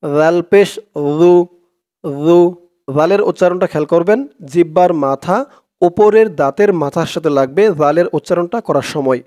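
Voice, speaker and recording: A man teaching Arabic reading, who spells words letter by letter and chants each syllable slowly and long. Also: on the high side, darkish tone. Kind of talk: spelled-out recitation lesson.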